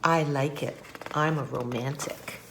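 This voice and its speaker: A woman voicing a small, romantic puffball creature in a storybook read-aloud, speaking softly and wistfully. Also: low-pitched, steady tone, a little slow, slight background noise, pitched below the performer's own voice, poor audio. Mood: dreamy.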